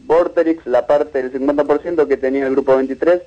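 A man, a media researcher giving a measured, analytical interview with frequent restarts. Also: medium pitch, fairly even intonation, dull audio.

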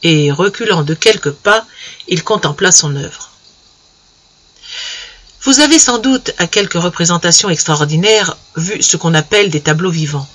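A man narrating a classic literary story in a measured, expressive reading style. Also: fairly high pitch, husky. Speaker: audiobook reader.

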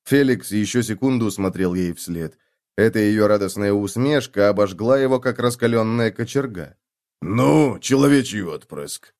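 A man narrating an audiobook in an expressive, dramatic reading style. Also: on the low side, normal speed.

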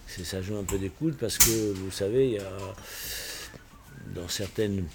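This interview takes place in a bar with heavy background noise, where a low-voiced man in his sixties recalls his life. Born in Portugal with Portuguese as his first language, he talks casually but hesitantly and reflectively, pausing and restarting.

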